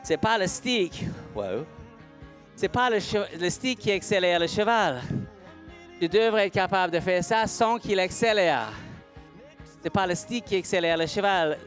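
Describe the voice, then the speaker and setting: A man's voice: sits high, expressive, unhurried, a bit bright, faint music behind. A man, a horse trainer speaking slightly broken French in a live seminar demonstration, asking rhetorical questions and answering them himself.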